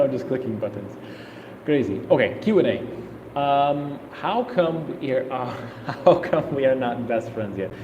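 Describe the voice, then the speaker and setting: A man's voice: medium pitch, vocal fry, echoey room, in a large hall, dull audio, background noise. A man in his thirties, a travel vlogger, casually answering viewer questions on a live stream, rambling and thinking aloud. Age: 30s.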